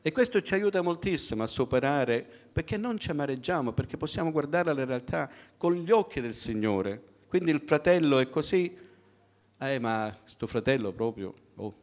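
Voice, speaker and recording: A man's voice: fairly high pitch, lively intonation, fairly quick, few pauses. Man preaching with conversational questions. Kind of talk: sermon.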